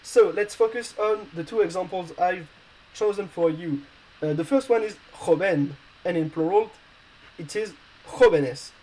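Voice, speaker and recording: A male Spanish teacher explaining a grammar lesson in non-native English, pausing often with filler sounds and small slips. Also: high voice, darkish tone, rough recording. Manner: hesitant, many pauses and filler sounds.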